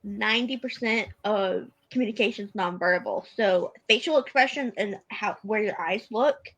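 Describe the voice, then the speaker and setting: Bright-voiced chatty woman. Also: mid-range voice, highs cut off. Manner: chatty, enthusiastic, quick laughs. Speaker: podcast co-host. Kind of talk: casual episode recap chat.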